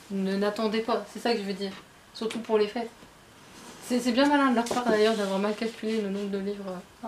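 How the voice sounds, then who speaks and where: A woman with a fairly high voice chats her way through a book haul at home. She sounds tired, rambles, stumbles over her words and laughs at herself, with a faint hiss of room noise behind her. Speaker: book vlogger. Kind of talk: casual book haul vlog. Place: at home, indoors.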